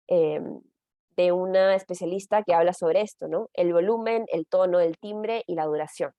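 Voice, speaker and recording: A middle-aged woman, a teacher trainer, walks listeners through a training session in a conversational style, often checking in with tag questions and fillers. Her voice is lowish with a dark tone, and the recording is dry and dull.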